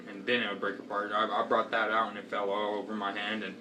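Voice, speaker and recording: A man's voice: on the low side, level tone, quick pace. A young man chatting casually as a co-reviewer. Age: young adult. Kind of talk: casual chat. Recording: distant microphone, faint background noise.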